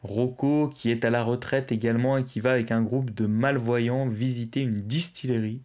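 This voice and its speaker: A man's voice: mid-range voice, fairly even intonation, moderate pace, darkish tone. A young man hosting a live stream, casually chatting and reading out viewers' messages. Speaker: livestream host. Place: indoors, at a streaming desk.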